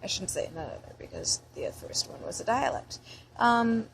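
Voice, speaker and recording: A woman's voice: mid-range voice, huge pitch swings, normal speed, gravelly, slight background noise, rough recording. A young American woman talking in a casual vlog, rambling and chatty as she reads through a word list. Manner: rambling and chatty, with many fillers. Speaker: vlogger.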